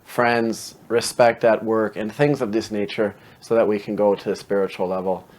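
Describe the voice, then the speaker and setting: A man hosting a meditation show, explaining calmly and conversationally and posing rhetorical questions. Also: lowish voice, normal speed.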